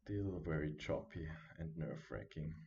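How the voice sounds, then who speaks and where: A man with a deep, low voice gives live trading commentary from home. He thinks aloud over the charts and chats easily with his viewers. His built-in computer mic makes him sound quiet and dull. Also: normal speed, gravelly. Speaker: day trading streamer.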